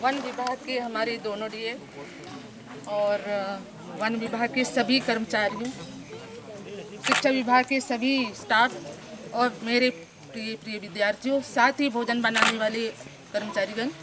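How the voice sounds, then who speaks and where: A woman teacher formally greeting staff and students before asking for their feedback, speaking in a measured way. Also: fairly high pitch, fairly even intonation, a crowd in the background. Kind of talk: formal address to an audience. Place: outdoor school event. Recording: distant and noisy.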